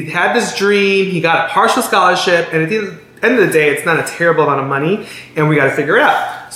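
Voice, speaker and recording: Male host, supportive and detailed; bright edge, roomy echo. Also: a little high. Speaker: podcast host. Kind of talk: podcast interview. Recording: echoey room.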